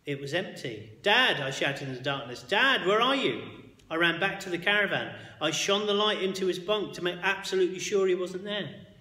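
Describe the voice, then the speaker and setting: A man reading a children's book aloud as a bedtime story, expressive and sometimes dropping to a hush. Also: a little high. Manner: expressive, with hushed quiet passages. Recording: echoey hall with long reverb.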